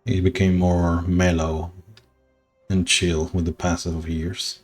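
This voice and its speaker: A man streaming a game, talking slowly and sentimentally, rambling with soft laughs. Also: low-pitched, level tone, soft background music. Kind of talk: casual game stream chat.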